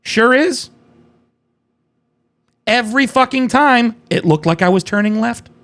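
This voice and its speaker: Male podcast co-host, high and gravelly, foul-mouthed, ranting and ribbing his friends in loose casual chat. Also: expressive, moderate pace, fairly bright tone. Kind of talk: casual banter.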